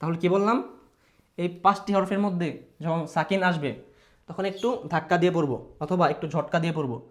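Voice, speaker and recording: A man's voice: sits high, fast. A man teaching Quran letter pronunciation. He repeats sounds over and over, asks the learner questions and mixes in English words. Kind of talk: online Quran recitation lesson.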